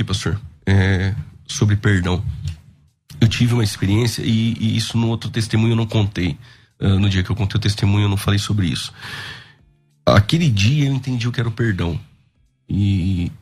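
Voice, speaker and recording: A man telling his life story as a guest, unhurried, with pauses and restarts. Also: on the low side, a little mellow, breathy edge, faint music behind. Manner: recounts events, acting out quoted dialogue. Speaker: guest giving his testimony. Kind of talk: conversational storytelling.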